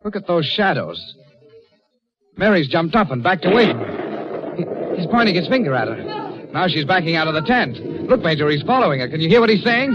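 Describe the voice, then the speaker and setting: A man's voice: on the high side, very animated, a little fast, long pauses, noisy background. An actor playing an earnest, agitated young man in 1940s radio drama style. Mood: alarmed. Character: earnest, anxious young man, worried fiancé. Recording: dull old radio recording.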